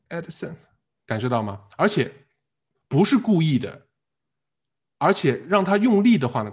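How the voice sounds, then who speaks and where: Lively husky male English teacher. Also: fairly high pitch. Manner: animated, asks the class questions and drills words by repetition. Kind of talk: live online lecture.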